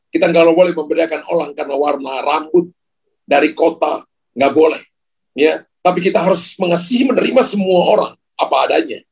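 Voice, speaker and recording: A male pastor delivers a sermon in a relaxed, conversational way and keeps turning to the congregation. His voice sits a little high and sounds husky. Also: poor audio. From Ambon, Indonesia. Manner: conversational preaching with frequent "ya" and direct address.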